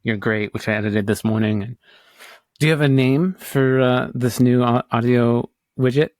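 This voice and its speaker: Male podcast co-host from the US, rambling and hesitant, mid-pitched, dry close mic. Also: fairly even intonation, moderate pace, darkish tone, no room sound. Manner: hesitant, rambling, full of restarts. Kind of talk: casual chat.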